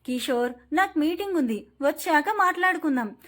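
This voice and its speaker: A woman voicing a stern middle-aged father who scolds gruffly. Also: high voice, lively intonation, normal speed, a bit bright.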